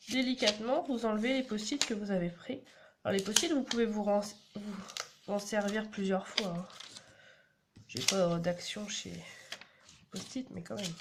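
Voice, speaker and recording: A woman, chatting through a card-making tutorial and explaining each step as she works. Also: mid-range voice. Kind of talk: casual crafting tutorial. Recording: audible background noise.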